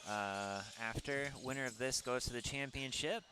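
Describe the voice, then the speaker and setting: A man with a Minnesota accent commentates a handball game in a loose, chatty way, full of ums and restarts. His voice sits in a middle range, with clear arena noise behind him. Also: mid-range voice, normal speed. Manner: chatty, rambling, full of fillers. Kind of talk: casual sports commentary.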